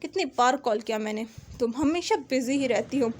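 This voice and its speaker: A woman voicing a sulky, jealous wife who taunts and complains in a sharp-tongued way. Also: high-pitched, animated, moderate pace. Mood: taunting sulky.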